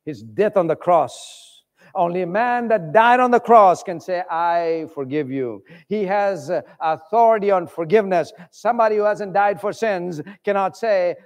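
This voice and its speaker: High-voiced preacher in a reverberant hall. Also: male voice. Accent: British. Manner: passionate, swings from loud calls to hushed pleading. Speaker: pastor. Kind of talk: sermon. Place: church hall.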